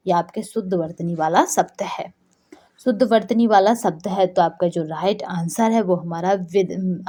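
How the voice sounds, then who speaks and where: Mellow-voiced woman teaching exam spelling. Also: lowish voice. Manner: explains step by step, keeps asking and answering her own questions. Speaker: Hindi teacher. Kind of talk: exam-prep lesson.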